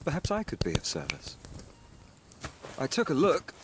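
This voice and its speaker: A man's voice: fairly high pitch, wildly swooping pitch, normal speed. A man voicing a courteous, theatrical travelling witch in an anime dub, polite and full of flourish. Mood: courteous, showy. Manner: polite, smooth-talking, flourishing. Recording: clear background noise.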